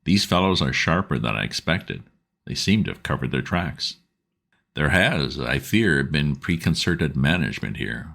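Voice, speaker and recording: A man voicing a keen, composed gentleman detective who speaks in a measured, coaxing way. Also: rumbling low, expressive, gravelly, heavily acted.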